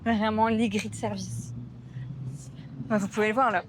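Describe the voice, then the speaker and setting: A woman's voice: mid-range voice, flat delivery, normal speed, background noise. A young woman vlogging casually to camera, rambling and self-mocking with slang and fillers, upset and hungry. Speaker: travel vlogger. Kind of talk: casual vlog chat to camera. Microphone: camera mic.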